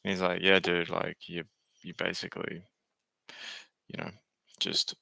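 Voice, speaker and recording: Halting, low-voiced man live streaming. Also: monotone, gravelly, pushed and bright, no echo. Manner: hesitant, halting, candid with many restarts. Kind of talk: casual live stream chat.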